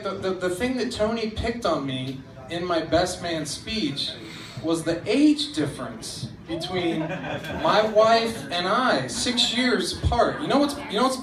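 Male best man, joking wedding toast, slightly high voice, halting and informal, picked up from far off. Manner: halting, informal delivery with repeated phrases. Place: evening wedding reception under string lights. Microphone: handheld microphone through PA, recorded by distant camera. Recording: distant, echoey event recording, loud crowd noise.

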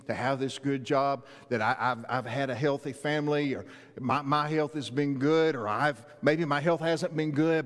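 A middle-aged man preaches in a large church sanctuary, his voice sitting a little high for a man. He pleads earnestly and presses his points with repeated questions. The sound carries a long hall reverb from a distant stage mic. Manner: earnest, rising to emphatic rhetorical questions, walking the stage. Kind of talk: sermon.

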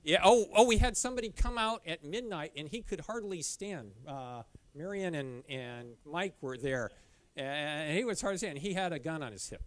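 A middle-aged caving club presenter gives a casual slide talk in a dim lecture room, his voice fairly high with lively intonation and no room sound. His delivery is loose and halting, full of restarts and fillers.

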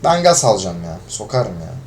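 His voice is fairly low and sing-song, moving fairly quickly, as this gaming video creator narrates his own play. Irritated, he swears at his teammates and breaks into shouts when losing.

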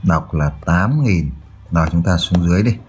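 A man's voice: low voice, expressive, moderate pace, slightly rough, soft background music. A man tutoring children through a math exercise, explaining step by step and often checking that they follow. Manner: checks in often with "được chưa?".

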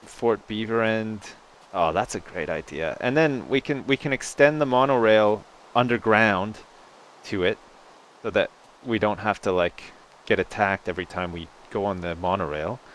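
A man's voice: on the low side, normal speed, fairly bright tone, a little hiss or hum, low-quality recording. A man co-hosting a gaming video with casual, jokey commentary, rambling, swearing and playing up the drama.

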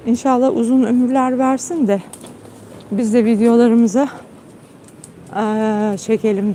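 A woman host chatting casually to viewers on a phone live stream, tired after a long trip, outdoors at night in a garden. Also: noisy background. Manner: chatty, warm-hearted, calls her dog in high coaxing tones. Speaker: channel host.

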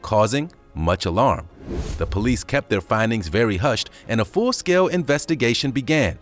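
A man reading a scripted countdown video narration in a lively storytelling manner. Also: mid-range voice, moderate pace, soft background music.

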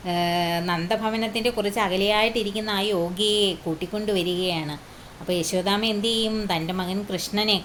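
A woman telling a devotional story in an unhurried, casual way, pausing often and asking the listeners questions. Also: a little high, a bit bright, a little hiss or hum.

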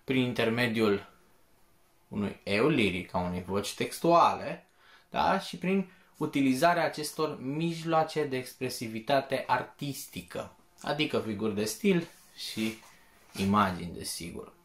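A man walking students through an exam practice test step by step, often checking in with a quick question. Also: mid-range voice, a bit bright. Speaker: teacher. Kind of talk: exam-prep lesson walkthrough. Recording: echoey room.

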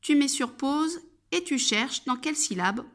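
Slow, patient kindergarten teacher woman. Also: high-pitched, lively intonation, fairly bright tone. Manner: slow, clearly articulated, splits words into syllables; addresses the child directly and patiently. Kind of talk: instructional video for young children.

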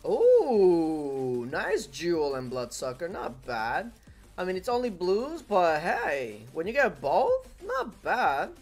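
Speaking slowly in a high voice with huge pitch swings, a young man chats casually with viewers during a live game stream, often repeating phrases. He is a native Spanish speaker with a Spanish accent, streaming from a desk in his home room, with faint music in the background.

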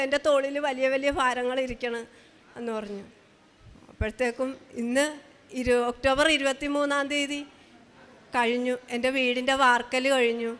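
A middle-aged woman giving a spoken personal testimony, halting and emotional, often breaking off and restarting her sentences. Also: high voice, fairly bright tone. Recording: long hall reverb.

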